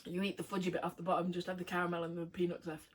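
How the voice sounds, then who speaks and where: A young woman from the United Kingdom casually chatting while taste testing snacks, playful and quick to laugh. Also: fairly low pitch, completely flat delivery, slightly rough. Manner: giggly, playful, laughs a lot. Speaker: vlogger. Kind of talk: casual taste-test chat.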